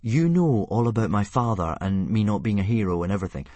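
A man voicing a clever, anxious young Viking boy who sounds high and indignant. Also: lively intonation, fast talker, a little mellow, dry recording.

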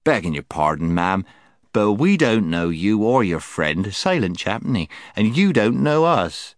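A man's voice: on the low side, very animated, measured pace, no room sound, clean studio sound. A man voicing a solemn, guarded old guide who speaks stiffly and warily. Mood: wary. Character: gloomy wary marsh-wiggle guide, stiff.

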